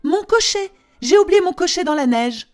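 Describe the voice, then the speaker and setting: A woman voicing a loud, bossy, plump queen from a storybook, exclaiming and scolding in a shrill voice. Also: expressive, normal speed, faint music behind. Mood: alarmed.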